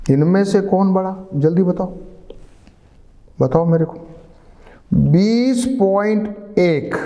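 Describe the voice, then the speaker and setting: A man's voice: high voice, warm tone, in a large hall. A man teaching a maths lesson, patiently coaxing pupils with questions. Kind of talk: classroom lesson.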